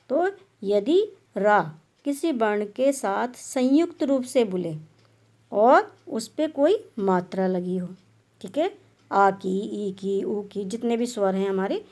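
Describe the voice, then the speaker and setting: A woman's voice: medium pitch, a little mellow. A woman teaching a grammar lesson, explaining patiently and sounding out syllables one by one. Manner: patient, explanatory, repeats "dekhiye" and "theek hai".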